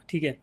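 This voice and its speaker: With a fairly high yet husky, slightly mellow voice marked by vocal fry, an Indian man teaches physics in a live online exam-prep lecture. He lays out the idea step by step, questions the students and answers for them, and repeatedly calls them "beta." The technical parts come out.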